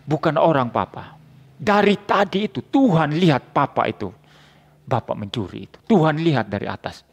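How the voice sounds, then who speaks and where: A man voicing a young child in a sermon story, calling out in a high, urgent voice. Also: expressive, moderate pace, slightly rough, in a large hall. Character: young child, eager, alarmed.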